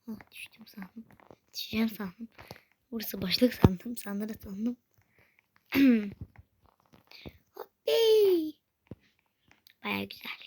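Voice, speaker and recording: A woman's voice: mid-range voice, fairly even intonation, takes it slowly, long pauses, a little mellow, slight background noise. A woman giving casual gameplay commentary, talking to herself and often slipping into a whisper. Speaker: gaming video creator.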